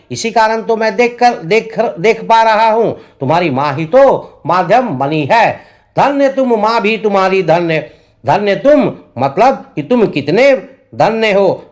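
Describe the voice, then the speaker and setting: A male tutor explaining a poem line by line, repeating each verse and paraphrasing it in simple words. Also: sits high. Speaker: Hindi tutor.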